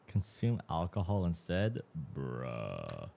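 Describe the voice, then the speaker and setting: A man's voice: deep voice, creaky, warm tone, slight background noise. A man in his mid twenties, chatting casually as a livestream host, slangy and swearing freely, sounding tired. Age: 20s. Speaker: streamer.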